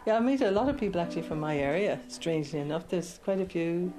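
A woman's voice: lowish voice, lively intonation, fast, music in the background. A woman from Wicklow with an Irish accent, answering questions in a casual interview. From County Wicklow, Ireland.

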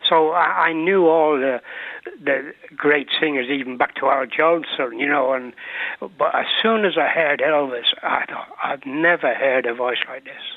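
Over a dry, tinny telephone line, a man in his seventies from Ireland who has a Mancunian accent chats fondly as a caller, rambling with lots of fillers. His voice is a little high and a little slow.

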